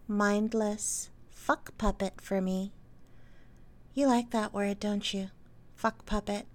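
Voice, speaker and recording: A woman speaks slowly and deliberately in a fairly high voice, lulling and commanding at once. Her delivery is a soothing hypnotic pitch for an adult phone line. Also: darkish tone.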